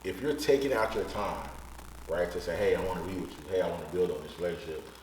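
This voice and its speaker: A man's voice: deep voice, quick pace, darkish tone, distant mic. Blunt, frank man in his thirties. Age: 30s. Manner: blunt, frank, swears casually. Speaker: podcast guest. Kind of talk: casual chat. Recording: echoey room, off-mic, faint noise.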